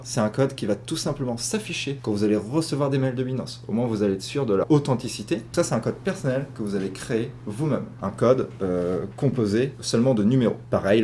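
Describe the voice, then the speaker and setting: A man's voice: mid-range voice, warm tone, slight background noise. A man walking viewers through a screen-recorded tutorial, explaining step by step with frequent fillers, recorded indoors at a computer. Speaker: tutorial host.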